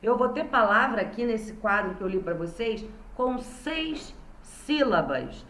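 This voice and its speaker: A woman's voice: on the high side, lively intonation, measured pace, a bit bright. A woman teacher with a Brazilian Portuguese accent, giving a recorded lesson to young children and patiently sounding out words syllable by syllable. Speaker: primary school teacher. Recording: roomy echo.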